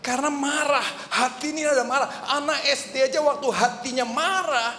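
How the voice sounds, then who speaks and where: A man with an Indonesian accent preaching a lively sermon in a church hall, asking the congregation questions. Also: very high-pitched, a little fast, slight background noise. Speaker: pastor. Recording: echoey hall reverb, faint ambience.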